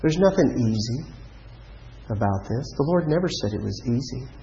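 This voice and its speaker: A middle-aged man delivers a storytelling sermon in an everyday mid-range voice. He narrates with animation, then sinks low and quiet for emphasis. The recording is muffled and lo-fi, as on an old church tape. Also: expressive, normal speed. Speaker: preacher.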